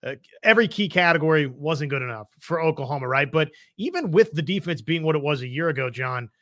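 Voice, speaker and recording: A man's voice: a little high, expressive, quick pace, fairly bright tone, no room sound, clean studio sound. A man co-hosting a sports talk show, giving emphatic commentary and punctuating his points with checking questions. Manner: emphatic, often tags points with "right?". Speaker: sports talk show co-host, media member.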